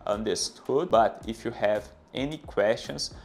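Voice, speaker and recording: Speaking fairly low, a little slowly and with a darkish tone, a man in his thirties from Brazil leads a workout to camera, counting reps aloud. He has a Brazilian Portuguese accent and non-native grammar, and a clip-on lapel mic picks him up in a bright room hung with anatomy posters.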